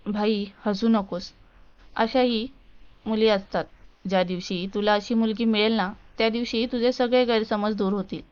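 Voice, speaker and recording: A woman reading the part of a gentle, earnest young man reasoning with his friend in a storybook tale, with a smooth voice on a dull lo-fi recording. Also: mid-range voice, fairly even intonation, normal speed, lightly acted.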